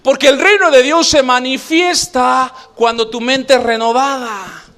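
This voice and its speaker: A male pastor preaching a sermon, animated, acting out little scenes as he goes. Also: very high voice, a little slow. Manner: animated preaching, acts out scenes with shifting voices.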